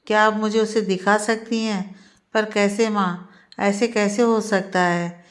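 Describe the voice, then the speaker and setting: Woman doing a young man, desperate, pleading, repetitive questions, flat even pitch, storybook voice. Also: unhurried, lightly acted. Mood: disbelieving.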